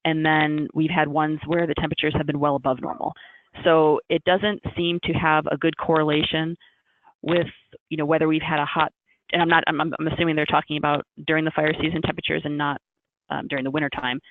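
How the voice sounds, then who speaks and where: A woman's voice: sits low, level tone, fairly quick. A woman speaks over a video call, her voice thin and phone-like with a faint hiss underneath. She answers a question as a meteorologist, thinking aloud and doubling back on her words. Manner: thinks aloud, repeats words while searching.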